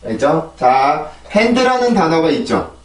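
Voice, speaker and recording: A man's voice: on the high side, big pitch swings, a little slow, reverberant, far from the mic. A man with a Korean accent teaching English pronunciation, explaining patiently and drilling words in repeated sets. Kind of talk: pronunciation lesson. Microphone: clip-on mic on a phone camera.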